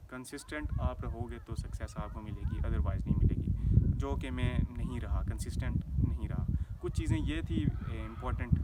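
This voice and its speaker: An earnest young man from Pakistan recounts a personal story for his vlog, slipping English phrases into his speech. He sits a little away from the microphone, and a loud noise floor runs under his voice the whole time. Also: mid-range voice, recorded from a distance. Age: young adult. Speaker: vlogger.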